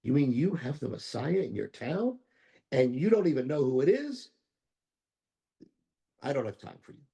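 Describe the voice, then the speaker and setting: A man's voice: mid-range voice, very animated, normal speed, creaky, pauses often. A man doing a wise old rabbi. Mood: chiding. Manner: gently admonishing. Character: wise old male rabbi, calm and firm.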